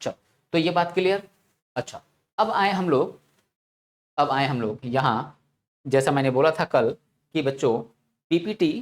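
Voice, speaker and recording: A male teacher giving a classroom lecture, asking his students rhetorical questions and repeating the answers with frequent check-ins. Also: on the high side.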